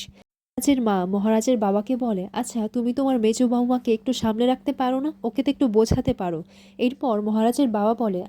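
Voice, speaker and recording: A woman narrates an episode recap in a steady, scripted way, reading every character's lines in the same plain voice. Her voice sits a little high, with a mellow, soft-edged tone. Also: a little hiss or hum.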